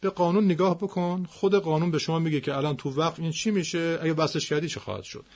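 Gravelly, husky male teacher. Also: a little high, fairly even intonation, a little mellow. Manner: patient, repeats words slowly for practice. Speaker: Quran recitation teacher. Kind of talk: explaining stress rules of Quranic Arabic.

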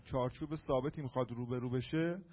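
A man in a class offering a hesitant answer, pausing often to search for words. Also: mid-range voice, fairly even intonation, lo-fi sound. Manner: hesitant, with pauses and fillers. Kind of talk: hesitant spoken comment in class.

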